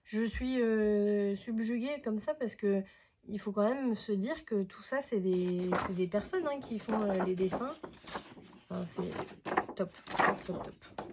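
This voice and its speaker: A woman's voice: mid-range voice, unhurried, darkish tone, a little hiss or hum. A woman chatting casually through a craft unboxing, hesitant, with many fillers and restarts. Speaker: craft vlogger.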